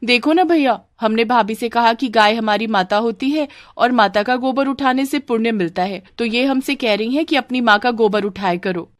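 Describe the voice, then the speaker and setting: Woman plays a tattletale cartoon sister-in-law, eager and higher, dry. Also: normal speed, hardly any pauses, no room sound, lightly acted. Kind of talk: cartoon story voice acting.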